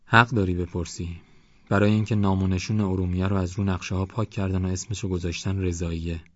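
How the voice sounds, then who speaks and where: A man reading as a calm old cleric. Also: low-pitched, dry recording, muffled recording. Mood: serene. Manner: serene, measured, preaching. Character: older male cleric, calm, pious, unshaken.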